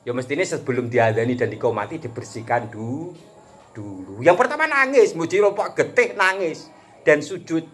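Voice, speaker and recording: A man with a Javanese accent giving a casual religious talk as a preacher, animated and joking, chuckling often. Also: medium pitch, moderate pace. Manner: animated, chuckles often, mixes teaching with jokes.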